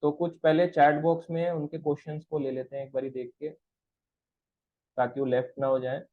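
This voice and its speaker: A man's voice: on the high side, completely flat delivery, normal speed. A man teaching an online devotional class and answering viewer questions, speaking in a preachy, emphatic way and mixing English words into Hindi. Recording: tinny phone-like line.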